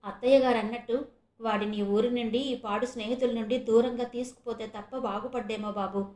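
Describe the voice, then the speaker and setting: Sorrowful middle-aged mother, read by a woman, lamenting, high voice, echoey room. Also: fairly even intonation, fairly quick, darkish tone, close to an everyday voice.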